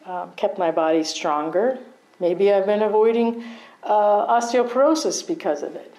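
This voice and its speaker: A woman's voice: mid-range voice, normal speed, a little mellow, rough recording. A middle-aged woman teaching meditation in a conversational dharma talk, often checking in with her listeners and laughing at herself.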